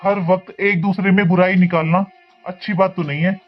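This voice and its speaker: A man playing a calm wise father-in-law. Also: high-pitched, normal speed, muffled recording, faint music behind. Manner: calm, reasoning, gently lecturing.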